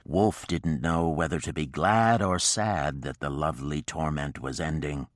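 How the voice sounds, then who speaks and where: A man narrating a historical romance audiobook in a steady, even storytelling manner. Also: very deep voice, a little slow, no echo, clean studio sound.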